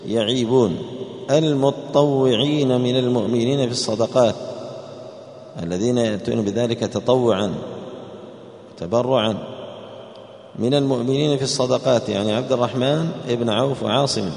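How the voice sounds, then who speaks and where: A man teaching Quran exegesis, posing rhetorical questions and answering them, and raising his voice sharply for quoted speech. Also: darkish tone. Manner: raises pitch and volume sharply for quoted speech. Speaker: Islamic teacher. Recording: echoey hall with long reverb.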